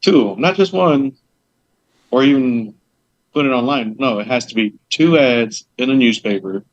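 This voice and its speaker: A man's voice: mid-range voice, a little slow, no echo. Chatty man on dull lo-fi audio. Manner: chatty, rambling, acts out conversations. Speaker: guest, meadery owner. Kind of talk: casual podcast interview.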